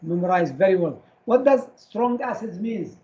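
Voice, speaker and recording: A man's voice: high-pitched, expressive, moderate pace, dark tone, dull audio. A man lecturing a class on chemistry, firing short questions at students and repeating key terms so they stick.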